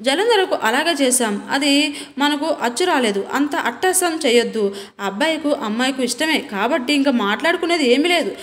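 A woman narrating a novel aloud in an even, unhurried reading. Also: sits high. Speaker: novel reader. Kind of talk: storybook narration.

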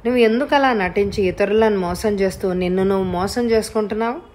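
A woman's voice: mid-range voice, a little fast, darkish tone, close to an everyday voice. Woman reading a scornful, cold husband, curt lines, audio novel. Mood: bitter. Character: cold, bitter husband, adult man.

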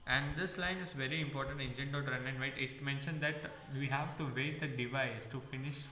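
Man, coding instructor, halting with fillers, bright voice, echoey room. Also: mid-range voice. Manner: halting, with many "uh" fillers while explaining. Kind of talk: screen-recorded coding tutorial. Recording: echoey room with long reverb.

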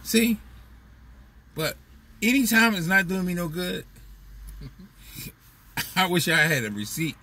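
A man's voice: high voice, lively intonation, takes it slowly, long pauses, bright, forceful tone, breathy edge, far from the mic. A man talking through a casual, profane, rambling comedic monologue as a vlog host, slipping into mocking voices. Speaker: vlogger host.

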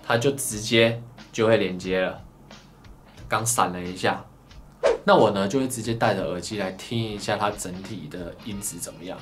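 A man with a Taiwanese Mandarin accent, hosting a casual gadget unboxing review, chatty and full of drawn-out particles, recorded on a camera microphone. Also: lowish voice. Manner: chatty, lots of drawn-out sentence-final particles. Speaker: tech reviewer host. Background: background music.

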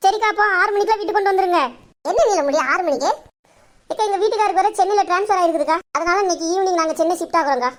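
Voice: very high-pitched, rapid-fire, a bit bright. A chatty scheming neighbor woman, as a young performer puts her on. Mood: coaxing. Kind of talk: comic village skit.

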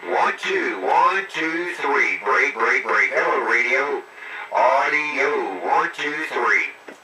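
A man calling out a slow radio mic test, heard over a CB radio receiver in a radio shop. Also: mid-range voice, expressive, sharp tone, faint music behind. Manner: slow, drawn-out test calls. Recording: echoey, distant, noisy radio speaker.

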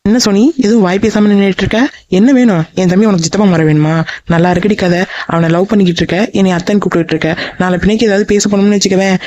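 A woman's voice: medium pitch, fairly even intonation, warm tone, lo-fi sound, lightly acted. A woman voicing a bossy, teasing young aunt in a cartoon, scolding and mocking her niece. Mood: lecturing. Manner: scolding, mocking and fast-talking. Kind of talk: animated cartoon voice acting.

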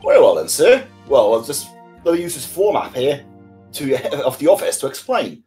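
A man voicing a bumbling, eager male detective in a game playthrough, loud and stumbling over his words. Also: mid-range voice, big pitch swings, normal speed, soft background music, pitched below the performer's own voice, lightly acted. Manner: loud, stumbling, keeps saying sir.

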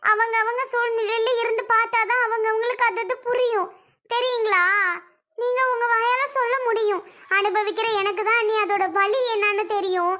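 A woman playing a stubborn young wife who angrily refuses to go back, snapping sharp retorts. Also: very high-pitched, flat delivery, moderate pace. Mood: defiant.

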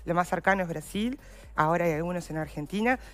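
A fast-talking woman with a fairly low, slightly bright voice and a Uruguayan Spanish accent is interviewed as an endometriosis patient advocate. She answers earnestly and explanatorily, using voseo.

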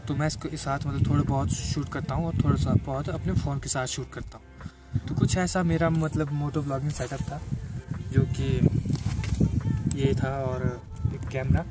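A man's voice: fairly high pitch, sing-song, moderate pace, heavy background noise. A young man casually showing his gear outdoors, talking in a rambling way with many filler words. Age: young adult. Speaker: vlogger. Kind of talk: casual chat. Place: outdoors on a hillside by a motorbike. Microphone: camera held by a helper a few steps away. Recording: distant outdoor camera audio with loud music.

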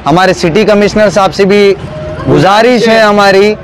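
Hyderabadi man, high voice, earnest eyewitness in a street interview. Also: moderate pace, slight background noise. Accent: Hyderabadi Hindustani. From Hyderabad, India. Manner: earnest, pleading.

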